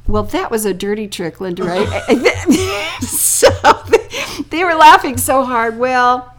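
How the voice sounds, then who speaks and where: Older woman, interviewee, slightly high voice; animated storyteller who laughs a lot and acts out quotes. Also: slow pace, a crowd in the background. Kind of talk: telling a personal story.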